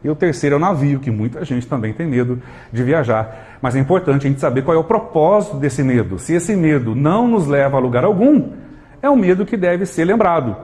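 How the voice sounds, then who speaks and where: A man with a Brazilian Portuguese accent giving a live motivational talk to an audience, animated and full of rhetorical questions, acting out little scenes. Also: fairly high pitch, brisk. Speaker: motivational speaker.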